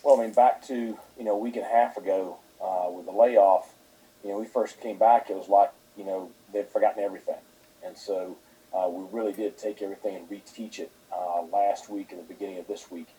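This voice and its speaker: A man, a football head coach, answering questions at a press conference in a halting way, with many fillers. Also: sits low, fairly even intonation, dark tone, breathy edge, poor audio.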